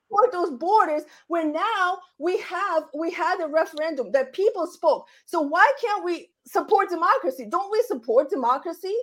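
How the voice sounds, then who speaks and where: A woman's voice: very high voice, lively intonation, moderate pace, hardly any pauses, a bit bright. A woman from Belarus debating politics in a heated, insistent way, repeating phrases for emphasis. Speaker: panelist.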